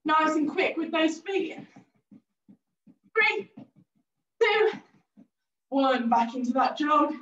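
A high-voiced woman coaches a cardio workout, calling out encouraging cues and countdowns. She is out of breath from exercising along. The sound is roomy and heard from a little way off the mic, slightly dull. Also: a little slow, hardly any pauses, a bit bright. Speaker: fitness instructor. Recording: roomy, distant and a bit dull.

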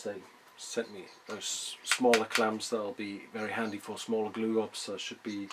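Low-voiced man in a small workshop. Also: heavy background noise. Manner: relaxed, a bit hesitant, with fillers. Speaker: woodworking channel host. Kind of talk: casual shop update to camera. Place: small cluttered workshop, indoors. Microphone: camera close at arm's length, mic clipped near the collar.

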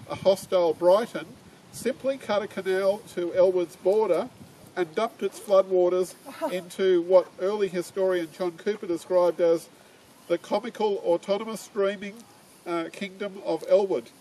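A man's voice: sits high, moderate pace, mellow, low-quality recording. An older Australian man leading a walking tour outdoors, reading history from notes with frequent ums and restarts. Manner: reads aloud from notes, with many ums and restarts. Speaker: tour guide. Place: outdoors on suburban streets. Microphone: far camera. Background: street noise and traffic.

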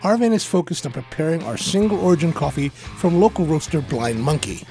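A man's voice: on the high side, fairly quick. Man narrating over light guitar. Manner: even, informative narration.

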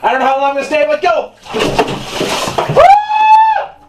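A man's voice: extremely high pitch, steady tone, rapid-fire, heavy background noise. A young man vlogging a challenge, exclaiming and groaning in a strained voice as he gasps and shivers from cold. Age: young adult. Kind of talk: casual challenge vlog. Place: small tiled bathroom, indoors. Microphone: camera a few feet away. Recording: echoey bathroom, distant camera microphone.

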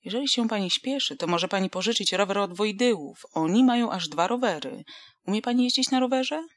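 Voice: mid-range voice, animated, brisk, a bit bright, dry recording, studio quality, natural voice. A woman voicing a plain-spoken, helpful male village farmer.

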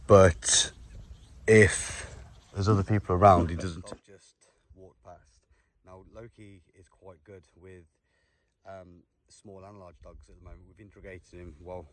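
A man's voice: deep voice, a little hiss or hum. A man out of breath, chatting casually to camera while walking his puppy in an open field. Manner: chatty, laughs often while handling the puppy. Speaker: vlogger, dog owner. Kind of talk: casual vlog talk to camera.

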